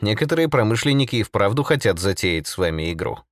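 A man's voice: lowish voice, sing-song, fast, no room sound, studio quality. A man voicing a male newspaper reporter with grim irony. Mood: wry. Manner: grimly ironic.

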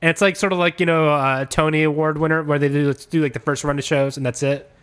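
A man casually riffing on a comedy pitch, rambling with lots of "like" and "you know". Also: steady tone, fast, a bit bright, smooth. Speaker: comedy podcast host pitching ideas.

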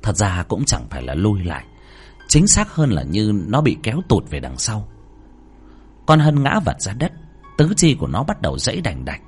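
A man's voice: lowish voice, huge pitch swings, moderate pace, slightly rough. A man reading a horror story aloud in a dramatic, swinging delivery, with faint music underneath. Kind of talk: scripted horror narration.

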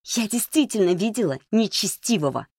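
A man reading a storybook voices a fiery, indignant young girl with a sharp, defiant manner. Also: medium pitch, unhurried, creaky, no echo, studio quality.

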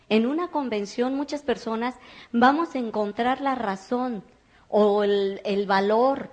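A woman giving a lively motivational testimony, acting out the voices of the people she quotes. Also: on the high side. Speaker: network marketing speaker.

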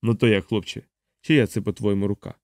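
A man's voice: on the low side, fairly even intonation, fairly quick, a little mellow, dry recording, studio quality, natural voice. A man voicing a contemptuous, menacing male army colonel in an audiobook. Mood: menacing contempt. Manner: menacing, sneering, condescending.

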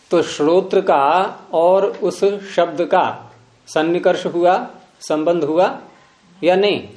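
A man's voice: high-pitched, darkish tone, echoey room. A man teaching philosophy to a class, often prompting students with questions. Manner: questioning, repeatedly prompting with "hmm?". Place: room with students present.

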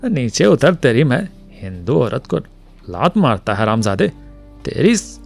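A man voicing a thin, frightened clerk who shouts curses in a shrill voice. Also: sing-song, normal speed, husky, faint music behind, heavily acted. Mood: furious shouting.

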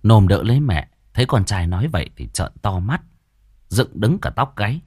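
A man narrating a ghost story with a vivid, expressive telling. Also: on the low side, normal speed, husky, no echo, clean studio sound. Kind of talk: dramatic horror story narration.

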